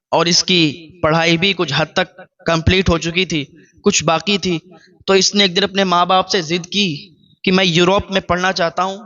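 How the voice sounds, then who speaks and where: A man's voice: sits high, sharp tone. A man preaching a sermon, telling a moral story and urging listeners earnestly with repeated phrases. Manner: repetitive, earnest moral exhortation. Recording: dull, muffled recording.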